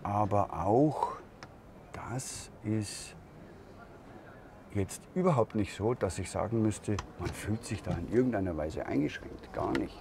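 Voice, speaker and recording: A man giving a slow walkaround tour of a camper van at a trade fair, thinking aloud with pauses and fillers. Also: on the low side, animated, vocal fry, darkish tone. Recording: crowd noise of a trade fair. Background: crowd chatter of a fair.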